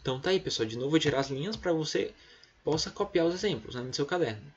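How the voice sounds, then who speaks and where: Brazilian man, patient English teacher, husky voice, dull lo-fi computer-mic sound. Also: fairly high pitch, animated, quick pace. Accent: Brazilian Portuguese. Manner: patient, explains step by step, often adds "tá?" and "né?". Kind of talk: recorded remote lesson.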